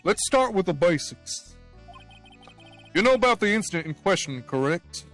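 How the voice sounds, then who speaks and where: Brief: a man as an earnest, slightly nervous young lawyer, fairly high voice, game playthrough. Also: very animated, normal speed, a bit bright, soft background music.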